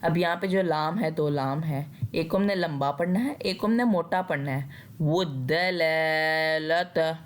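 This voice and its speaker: A woman's voice: fairly low pitch, moderate pace, hardly any pauses, a little mellow. A woman with a Pakistani Urdu accent teaching Quran recitation rules patiently, step by step. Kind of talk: tajweed lesson with recitation.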